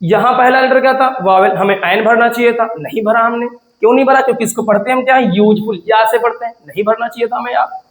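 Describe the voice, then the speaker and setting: A man teaching an English grammar lesson, asking questions and answering them himself, and repeating words slowly to model pronunciation. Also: very high voice, steady tone, roomy sound, rough recording. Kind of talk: classroom lesson.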